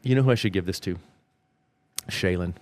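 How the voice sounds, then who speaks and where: A man's voice: low voice, moderate pace, darkish tone, slight background noise. A man, a news anchor, co-hosting a casual podcast, joking and rambling with many restarts. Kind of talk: casual chat.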